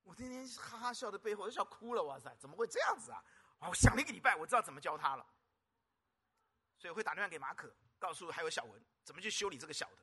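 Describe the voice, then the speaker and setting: A man preaching, his voice riding high and swinging widely in pitch. He has a very bright, piercing edge and keeps pressing the congregation with rhetorical questions. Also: sing-song, rapid-fire, breathy edge. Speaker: pastor. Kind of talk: lively sermon. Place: church service.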